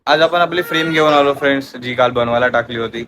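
A young man narrates his family vlog in a relaxed, chatty way, speaking to viewers as friends. His voice sits at an ordinary middle pitch on a small clip-on mic. The home recording carries clear background noise. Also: fast talker. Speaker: vlogger. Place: home, indoors with ceiling fan. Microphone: small clip-on mic, also phone.

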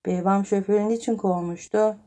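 A woman's voice: medium pitch, fairly even intonation, moderate pace, mellow, natural voice. A woman voicing a spoiled little boy who asks proud, eager questions in an audiobook story. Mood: boastful.

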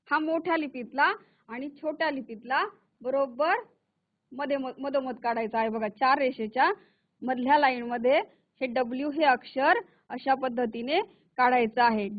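A woman teaching English to young children, speaking slowly and patiently, asking questions and praising the class. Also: high-pitched. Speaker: primary school English teacher. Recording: tinny phone-like audio.

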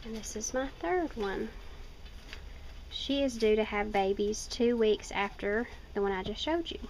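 A woman's voice: medium pitch, a little slow, a little mellow, rough recording. A woman giving a rambling, chatty walk-around tour of her small farm outdoors, speaking into a handheld camera. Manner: rambling, chatty, with many fillers and restarts. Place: outdoors on a wooded farm by rabbit hutches. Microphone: handheld camera mic, filming herself off camera. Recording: faint outdoor noise.

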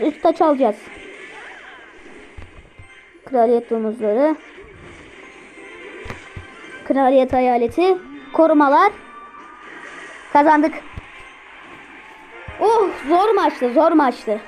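A woman giving live gameplay commentary, excitable, talking to herself and repeating words as she plays. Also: high-pitched, poor audio. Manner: excitable, talks to herself while playing. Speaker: gameplay streamer.

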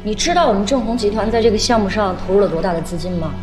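A brisk female executive, played by an actress, forceful and incredulous. She speaks quickly at a middle pitch. Strong music runs behind her. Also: lightly acted. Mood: insistent. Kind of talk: TV drama acting. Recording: drama with strong music score.

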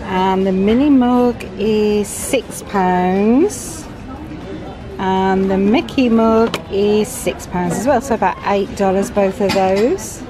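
A middle-aged British woman vlogging from a big store, chatting excitedly about items and their prices. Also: medium pitch. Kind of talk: shopping vlog walkthrough. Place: large busy store indoors. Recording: store music and crowd noise behind.

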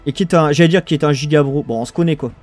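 A young man with a French accent and a slightly high voice casts a strategy game live. He rambles and banters with his viewers, stumbling over restarts, with faint music in the background. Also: very fast, a little mellow. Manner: chatty, banters with chat, trails off and restarts. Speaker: esports caster. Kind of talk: casual live game commentary.

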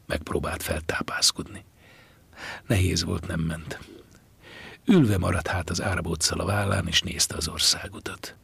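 A man reads a novel aloud in a slow, hushed, half-whispered way. His voice is very deep and thick with gravel and breath. He sits close to the microphone in a dead, dry space. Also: no echo. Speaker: audiobook narrator. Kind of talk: literary audiobook narration.

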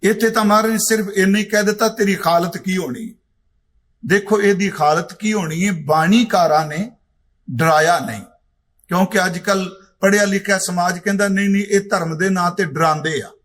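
High-voiced middle-aged preacher. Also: male voice, fairly bright tone. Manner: chants scripture lines slowly, explains in plain speech. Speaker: Sikh preacher giving katha. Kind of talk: religious discourse on scripture.

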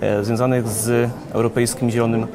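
A young man interviewing a guest at a conference, asking brisk questions with filler hesitations. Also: medium pitch, level tone. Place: conference interview stand, indoors. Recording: busy crowd chatter behind.

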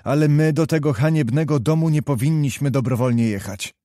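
A proud young noblewoman from an audiobook, defiant and full of contempt, as a male narrator reads her lines. The voice stays mellow and dark, recorded dry and close. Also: on the high side, fairly quick, no echo, lightly acted.

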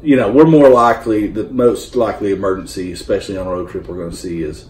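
Talking fast in a fairly low-pitched voice, a man in his thirties calmly walks through survival gear as a guest in someone's home kitchen. His casual, practical explanation is steady yet full of hesitant fillers, recorded by a distant camera with roomy kitchen sound and a faint hum.

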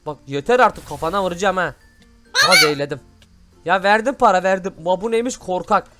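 A man hosting excited gameplay commentary, full of loud exclamations. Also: high voice, fairly quick, over music. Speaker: gaming host.

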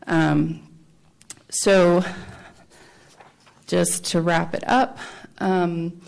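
A woman giving a formal, explanatory staff presentation at a public meeting, speaking haltingly with a creaky voice. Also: on the low side. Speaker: city planning staff presenter.

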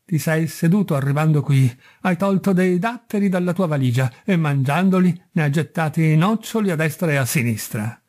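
A man reading aloud as an enormous vengeful genie from a storybook, delivering stern, unbending verdicts. The voice sits somewhat high yet sounds mellow and warm. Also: animated, moderate pace, few pauses, natural voice. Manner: stern, unyielding pronouncements. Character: huge vengeful male genie with a sword.

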